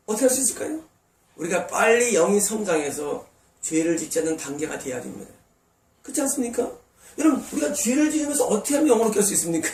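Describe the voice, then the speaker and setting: High-voiced man preaching in an echoey church. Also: a little mellow, a little hiss or hum. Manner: preaching with rhetorical questions to the congregation. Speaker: pastor. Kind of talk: sermon. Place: church sanctuary. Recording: echoey church sound from a distant mic.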